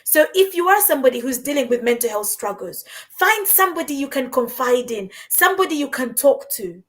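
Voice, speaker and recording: Very animated and fairly quick, her voice sits high with a fairly bright tone. The Ugandan woman is hosting a conversational podcast in London, talking in an earnest, encouraging manner and repeating her words often.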